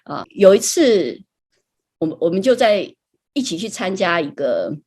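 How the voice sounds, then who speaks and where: Husky-voiced woman telling her faith story. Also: mid-range voice, big pitch swings, measured pace, darkish tone. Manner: chatty storytelling, frequent light laughs and tag particles. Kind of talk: conversational personal testimony.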